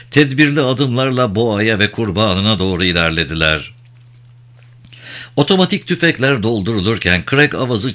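A man reading a novel aloud as audiobook narration, with expressive delivery. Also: on the low side. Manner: expressive reading with dramatic quotes. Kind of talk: scripted storybook narration.

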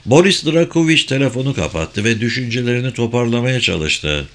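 A man narrating a thriller audiobook in a steady, measured reading voice. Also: medium pitch.

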